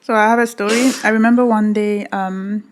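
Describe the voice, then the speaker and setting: Woman podcast co-host, mid-pitched, casual and earnest, quick to laugh. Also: fairly even intonation. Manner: storytelling, earnest, laughs easily. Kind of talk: casual chat.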